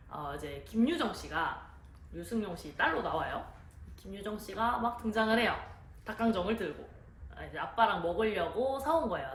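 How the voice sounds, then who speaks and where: A woman giving a casual spoken review of a series, laughing often and acting out the characters' lines. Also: mid-range voice. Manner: animated, laughs often, acts out quoted lines. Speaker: film reviewer. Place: room in a venue. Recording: roomy echo with faint ambience.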